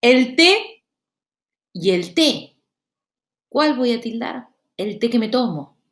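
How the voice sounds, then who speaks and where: A woman, teaching a grammar lesson in a lively, explanatory way. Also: fairly high pitch, reverberant. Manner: lively, explanatory, speeds up and slows down for emphasis. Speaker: Spanish teacher.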